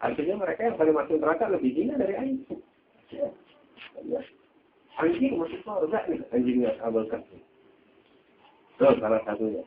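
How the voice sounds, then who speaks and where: A man delivers a storytelling sermon, his somewhat high voice swinging between excited peaks and hushed asides. The sound is thin and tinny, like a phone line. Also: quick pace, long pauses, slight background noise. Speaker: preacher.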